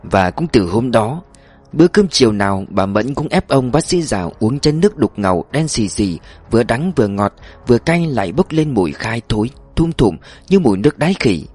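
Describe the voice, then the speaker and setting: A man narrating a story in a measured audiobook style, slowing down for emphasis. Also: medium pitch, sing-song, darkish tone, slightly rough, soft background music.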